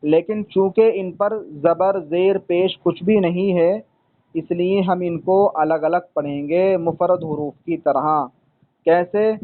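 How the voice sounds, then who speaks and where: In this one-on-one lesson on reading Arabic letters, the teacher is patient and repetitive, frequently addressing his student as son. He speaks slowly in a high, steady voice, and the audio sounds narrow and tinny.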